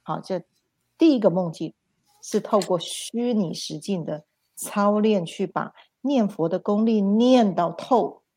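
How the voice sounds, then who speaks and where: Animated woman storyteller. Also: mid-range voice, a little slow. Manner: animated, repetitive retelling with sound words. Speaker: spiritual teacher. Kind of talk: livestream storytelling talk.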